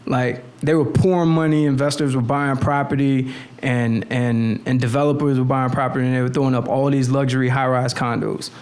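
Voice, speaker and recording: Talking fairly quickly into a boom mic mounted on an arm at the table, this young podcast guest tells animated stories packed with slang and restarts. He designs clothing, grew up a Navy brat born in the Philippines, and lived in Miami; the relaxed chat takes place in a small studio room.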